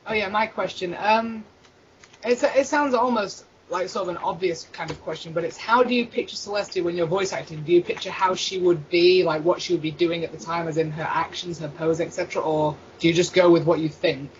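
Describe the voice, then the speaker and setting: A man's voice: high-pitched, fairly quick, slight background noise. A man asking an interview question in a tentative, rambling way. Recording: dull lo-fi audio.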